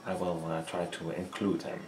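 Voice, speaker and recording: Low-pitched and flat, a man's voice moves at normal speed as he paints and vlogs casually for a painting tutorial. In his thirties and raised on Dutch and Frisian, he speaks Dutch-accented English hesitantly, with many fillers and pauses to find words. The setting is a small indoor home art studio with an echoey sound.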